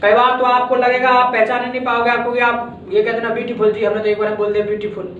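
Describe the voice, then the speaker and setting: High-voiced male teacher in an echoey classroom. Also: monotone, fast talker, a little hiss or hum. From India. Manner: patient, repeats words and breaks them into syllables. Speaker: English teacher. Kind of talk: classroom grammar lesson. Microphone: far from the mic. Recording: echoey room, distant dull lo-fi mic.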